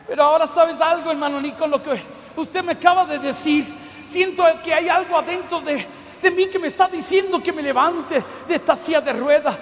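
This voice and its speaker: A man's voice: very high-pitched, fairly quick, slight background noise. A man preaching, acting out the words of a stubborn woman in a wheelchair who is at first indignant and then pleading. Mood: tearful. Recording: long hall reverb.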